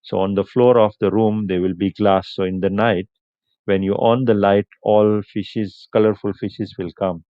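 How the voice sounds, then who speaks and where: A livestream host, a man whose first language is Punjabi, chats casually with his viewers at an unhurried pace, answering comments and laughing often. His low voice is smooth and clear with a steady tone. The recording sounds dry and slightly muffled, with no room sound.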